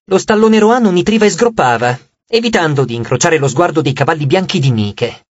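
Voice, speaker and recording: A man narrating an audiobook chapter with expressive storytelling. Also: on the high side, a little fast, no room sound, highs cut off. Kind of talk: scripted narration.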